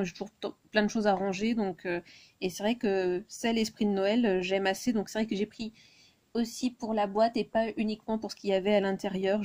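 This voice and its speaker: Chatty woman with a mellow voice. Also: medium pitch. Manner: chatty, many hesitations and fillers. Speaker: YouTuber presenting a shopping haul. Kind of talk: casual haul video chat.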